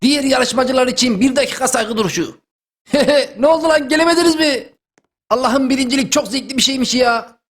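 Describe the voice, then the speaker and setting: A young man commentating his own gameplay with a very high voice. He gets excitable, bursts into loud exclamations and repeats his lines as he plays. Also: fairly quick, faint music behind. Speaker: gaming video host.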